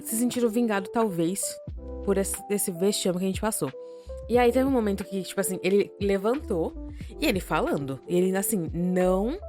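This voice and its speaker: A young Brazilian woman tells a story on a podcast, casual and full of slang and swearing, her voice sitting at a middle pitch. Her loudness jumps up and down as she gets caught up in the tale, and faint music plays softly behind her. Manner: animated, slangy and profane, quick shifts in loudness. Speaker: podcast co-host.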